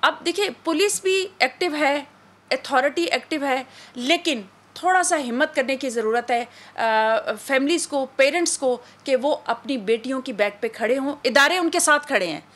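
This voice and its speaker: A woman's voice: sits high, normal speed, fairly bright tone. A woman official explaining her agency's work as a talk show guest. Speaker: official of a women's protection authority.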